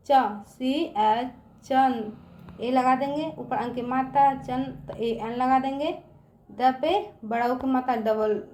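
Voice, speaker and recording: A woman's voice: high voice, a little mellow, roomy sound, a little hiss or hum. A woman teaching children a spelling lesson. She spells words out letter by letter and keeps checking whether the children have understood.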